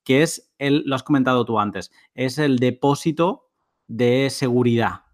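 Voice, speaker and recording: A man's voice: medium pitch, a little slow, no echo, clean studio sound. A man hosting a casual talk, summing up points for listeners in a conversational way. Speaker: host.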